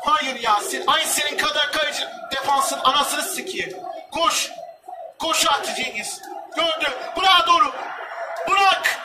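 A young man commentating his football video game, shouting and swearing in frustration at his players. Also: very high voice, a little slow, distant mic, a loud crowd, heavy background noise. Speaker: gamer. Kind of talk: excited gameplay commentary.

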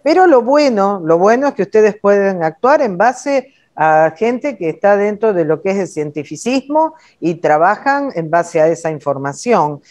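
A woman's voice: medium pitch, lively intonation, moderate pace, few pauses, a little mellow. A middle-aged woman with an Argentine Spanish accent hosting a TV interview, asking probing questions and adding short affirmations. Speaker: interviewer, TV host. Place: studio set with brick wall.

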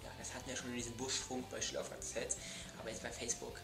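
A young adult man, a video blogger, rants in his bedroom with emphatic exasperation for comedic effect, repeating himself. His medium-pitched voice is creaky and fast with little pitch movement. The room echoes and music plays behind him.

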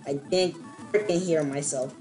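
A woman's voice: fairly even intonation, normal speed, warm tone, faint music behind. Exasperated young woman ranting over gameplay. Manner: exasperated ranting, jumps to squealing high pitch. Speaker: gameplay commentator. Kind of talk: let's-play commentary.

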